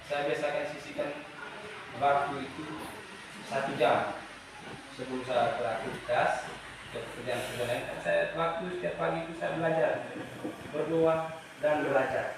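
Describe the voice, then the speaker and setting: A man's voice: a little high, steady tone, moderate pace, creaky, long pauses. A man teaching a class of pupils, asking questions and repeating himself with many restarts and "ya" tags. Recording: echoey, from far off, noisy.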